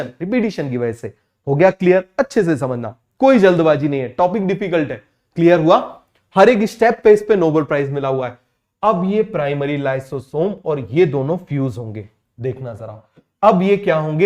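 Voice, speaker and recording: A man teaching biology in a quick call-and-response lecture, firing questions at students and repeating each answer himself. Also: a little high, a little mellow.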